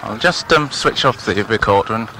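A man's voice: lowish voice, lively intonation, normal speed, noisy background. A man roving around a farmhouse doing casual on-site interviews for a site radio station, chatty and full of fillers. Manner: chatty, rambling with many fillers.

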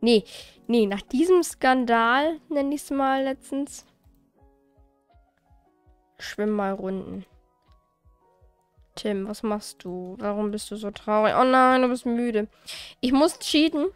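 A woman's voice: on the high side, slow, pauses often, smooth, no echo, faint music behind. A woman hosting a let's play, giving casual, chatty commentary as she plays, often exasperated and swearing lightly.

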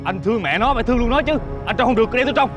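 A man's voice: extremely high pitch, animated, racing, over music. Blaming male boss. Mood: accusing. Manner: accusing, scolding. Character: reproachful male boss, quick to blame. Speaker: actor in a TV family drama. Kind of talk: television drama acting.

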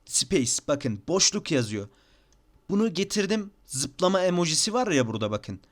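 Turkish young man, higher-pitched, casual desk-mic tutorial, a bit exasperated. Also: big pitch swings, normal speed. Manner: chatty, repeats "bakın" and "abi", slightly exasperated. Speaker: gaming tutorial youtuber. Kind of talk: casual screen-recorded tutorial. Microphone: desk microphone.

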